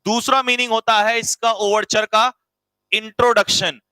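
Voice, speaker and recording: A man's voice: high-pitched, flat delivery, a little slow, pushed and bright, clean tone, no echo, low-quality recording. Teasing man teaching vocabulary in class. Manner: teasing, jokey, calls students beta and bhai; repeats meanings for students to write down. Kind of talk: classroom vocabulary lesson in Hindi. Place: classroom with students present.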